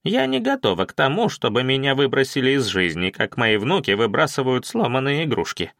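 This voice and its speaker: Мужчина озвучивает упрямую старую деревенскую женщину, которая насмешливо и с вызовом спорит с вождём и знахарем. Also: male voice, mid-range voice, big pitch swings, a little fast, vocal fry, fairly bright tone, no room sound, studio quality. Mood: defiant. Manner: mocking, defiant. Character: stubborn defiant old village woman.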